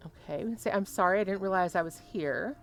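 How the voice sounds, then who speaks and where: Female streamer: casual playthrough commentary, mid-range pitch, reads on-screen options aloud. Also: fast talker, a little hiss or hum. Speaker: gaming streamer.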